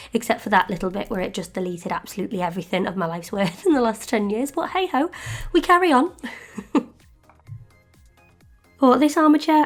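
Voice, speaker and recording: Stuffy-voiced woman, chatty tutorial. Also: mid-range voice. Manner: chatty and rambling, with frequent asides. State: stuffy voice from a lingering chest infection. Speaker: clay sculpting channel host. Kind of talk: casual tutorial talk.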